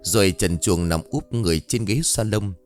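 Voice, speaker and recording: A man narrating a dark story in a dramatic, lively storytelling manner. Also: fairly low pitch, normal speed, soft background music.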